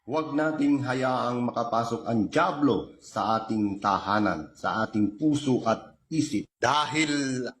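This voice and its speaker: A man's voice: medium pitch, a little slow, a bit bright, a little hiss or hum, natural voice. A man playing a solemn preacher giving a blessing.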